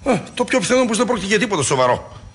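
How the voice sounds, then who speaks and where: A man's voice: high voice, sing-song, slightly rough, heavily acted. An actor in his forties playing an anxious hypochondriac husband in a 1960s radio play, fretful and comic. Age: 40s.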